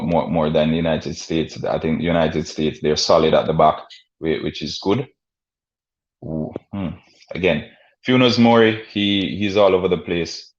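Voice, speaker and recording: A man hosting a casual live sports stream, chatting and commentating in a halting way, often repeating words and phrases. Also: extremely low pitch. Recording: dull, muffled lo-fi stream audio.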